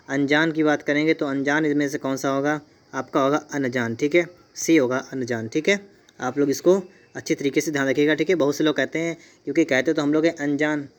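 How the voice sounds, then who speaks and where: A man's voice: medium pitch, fairly bright tone. A man teaching Hindi spelling for exam preparation, patiently explaining each option and repeating key points. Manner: patient, repeats points, says "ठीक है" often.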